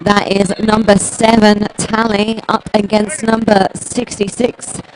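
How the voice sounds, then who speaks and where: A woman with a Minnesota accent calls the roller derby action in an upbeat, conversational tone. Her pitch sits in an ordinary middle range. A faint hum of arena ambience runs underneath her. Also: level tone, takes it slowly. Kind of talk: play-by-play commentary.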